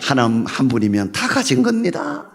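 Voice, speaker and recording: A man preaching a comic sermon in a church, laughing, shouting commands and playfully cursing. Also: medium pitch, huge pitch swings, normal speed, gravelly. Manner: boisterous, swings from whispers to shouted commands, mock-cursing, laughing. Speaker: guest preacher. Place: church sanctuary.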